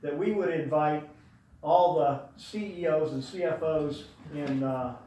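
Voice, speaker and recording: A man's voice: fairly high pitch, measured pace, dark tone, slight background noise. An older man speaking at a memorial, telling fond, rambling stories about his late brother with many fillers. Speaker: eulogy speaker. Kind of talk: storytelling at a memorial. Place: large room before an audience. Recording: very echoey room, voice from far off.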